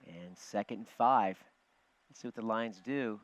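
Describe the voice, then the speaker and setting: A man calling live football play-by-play from a broadcast booth, quick and chatty, joking with his partner. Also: fairly low pitch, dry recording. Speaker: play-by-play announcer. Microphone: broadcast booth headset. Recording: dull, muffled broadcast audio.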